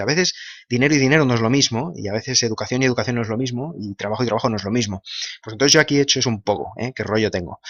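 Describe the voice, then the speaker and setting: Fast-talking man musing aloud. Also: mid-range voice, fairly bright tone, no room sound. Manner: thinks aloud with many tag questions. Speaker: video blogger answering comments. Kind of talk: casual monologue. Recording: slightly dull lo-fi sound.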